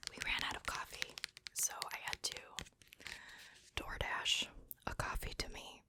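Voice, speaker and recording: A woman whispering breathily, very close to the ear, in a casual ASMR chat. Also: unhurried. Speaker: ASMR video maker. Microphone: very close to the mic, ear to ear.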